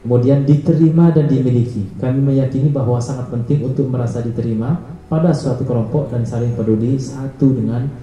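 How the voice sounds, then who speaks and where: A man with a very dark, mellow voice walks through a teacher training module, listing points one by one. He sounds like he is in a strongly echoing room with faint ambient noise behind him. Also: medium pitch, a little fast, highs cut off. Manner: reads points as numbered lists. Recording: echoey room.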